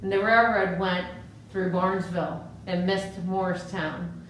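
A woman's voice: fairly low pitch, steady tone, a little slow. A woman working as a museum tour guide, informally explaining exhibits in a hesitant, piecemeal way. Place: indoor museum rooms. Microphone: handheld camera, off-screen speaker. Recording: very echoey room, faint noise.

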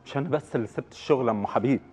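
A man's voice: mid-range voice, very fast, a little mellow, breathy edge, soft background music, close to an everyday voice. An actor playing a middle-aged father with an Egyptian accent, bitter and despairing over losing his job, breaking into choked, breathless outbursts. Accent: Egyptian Arabic. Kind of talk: Egyptian TV drama acting.

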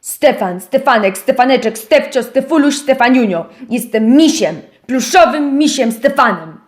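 A woman voicing a grumpy male teddy bear who believes he is a rat, gruff and sulky, in a children's audio story. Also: medium pitch, a little slow, voice pushed down, lightly acted. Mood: excited.

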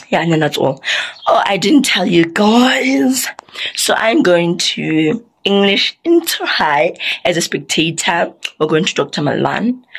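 A young woman from South Africa, talking to her camera in a casual vlog, chatty and rambling, with a husky, lowered morning voice. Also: poor audio. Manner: chatty, rambling, self-mocking. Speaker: vlogger.

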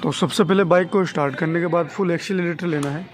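A man's voice: on the high side, fairly even intonation, fast. A man in his twenties chatting casually to viewers in a vlog, explaining things step by step, recorded on a phone at arm's length in a room at home. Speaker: vlogger. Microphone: phone held at arm's length. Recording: roomy echo from a bare room.

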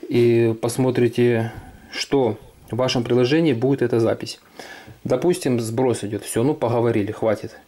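Guy doing a casual how-to, mid pitched mellow voice, informal, step by step. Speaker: tech vlogger. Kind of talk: casual smartphone tutorial. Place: indoors at a desk, hands-on demo.

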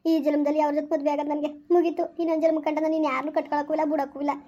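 A loyal young wife, voiced by a woman, soothing and pleading. She speaks in a very high, flat voice at a fast clip. The recording sounds dull and lo-fi. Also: close to an everyday voice.

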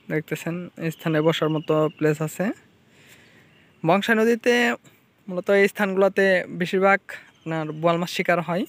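Bangladeshi guy vlogging by a river on his phone, slightly high flat voice, keeps going "see this spot". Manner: plain, repetitive, points things out to viewers. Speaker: fishing channel vlogger. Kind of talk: casual riverside walkthrough vlog. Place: outdoors by a river.

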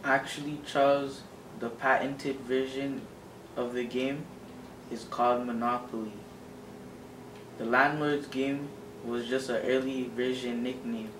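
Teenage boy, medium pitch, scripted old newsreel co-host, distant mic, echoey room. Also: level tone, unhurried, noisy background. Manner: reading from a script. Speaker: news co-host in a student skit. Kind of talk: scripted mock 1930s newsreel reporting. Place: room with a table, indoors.

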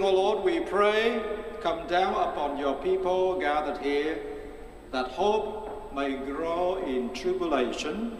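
A man prays at Mass in a high voice, solemn and unhurried. Cathedral echo trails each phrase, and he sounds some way from the microphone. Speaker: bishop presiding at Mass. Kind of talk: liturgical prayer, partly chanted. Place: large cathedral interior, heard with cathedral echo. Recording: distant mic in echoing cathedral, faint noise.

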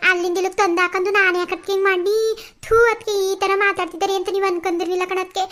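A whiny, pleading cartoon sister-in-law voiced by a woman. Her voice is very high and hurried, and her protests run on without pause. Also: fairly bright tone. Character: accused sister-in-law, pleading and self-pitying.

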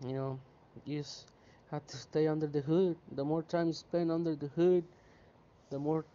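Male welder vlogger, easygoing chatty delivery, warm and smooth, muffled camera sound. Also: on the high side, normal speed. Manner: relaxed, chatty, lots of "you know". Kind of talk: casual how-to narration. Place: outdoor welding yard.

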